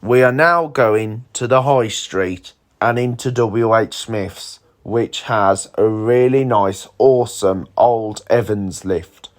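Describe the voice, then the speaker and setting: A man's voice: lowish voice, takes it slowly, few pauses. A man hosting a video with casual, slightly hesitant, plain-spoken voice-over narration. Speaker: video host.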